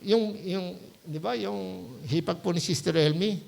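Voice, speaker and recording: A male pastor preaches to his congregation in a loose, conversational way, slipping English words into his Tagalog and often stopping to ask "Hello?" His voice sits high for a man. It has a noticeable gravelly rasp. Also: measured pace, darkish tone. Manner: keeps asking the congregation "Hello?" to check they follow. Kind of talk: sermon. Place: church service.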